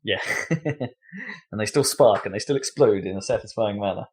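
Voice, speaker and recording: A man's voice: fairly low pitch, moderate pace, darkish tone. A man chatting casually about video games as a podcast co-host, rambling with lots of fillers and laughs.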